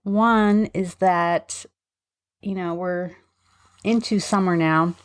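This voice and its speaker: A woman's voice: fairly low pitch, fairly even intonation, slow. A middle-aged American woman chatting casually as a podcast host, rambling and hesitant, with a slight lisp from braces. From suburban Philadelphia, US. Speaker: podcast host, special education advocate. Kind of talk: casual solo podcast talk.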